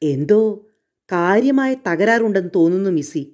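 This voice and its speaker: A woman's voice: medium pitch, lively intonation, normal speed, a little mellow, lightly acted. A woman voicing a male coachman who speaks deferentially and excuses himself. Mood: worried. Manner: deferential, defensive. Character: male coachman, humble and apologetic.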